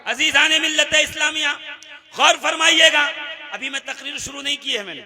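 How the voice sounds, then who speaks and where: A male Islamic preacher delivering a fiery religious speech on a stage, declaiming, often shouting and calling for responses from the crowd. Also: very high-pitched, moderate pace.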